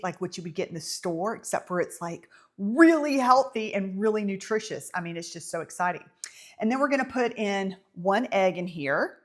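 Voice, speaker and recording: Chatty Southern woman teaching baking. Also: medium pitch. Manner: chatty, self-amused, many ums. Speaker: home baker teaching a bread recipe. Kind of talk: casual baking tutorial.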